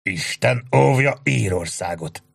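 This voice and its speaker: A man voicing a gruff, hulking soldier sergeant who bellows slowly and heavily, in a storybook reading. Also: fairly low pitch, lively intonation, no room sound, heavily acted. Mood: grim awe. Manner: bellowing, slow and heavy.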